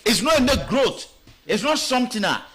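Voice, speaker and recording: A man's voice: very high-pitched, sing-song, moderate pace, sharp tone, slightly rough. A man with a Ghanaian accent giving radio talk show commentary, firing off rhetorical questions and switching between English and Twi. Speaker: political commentator.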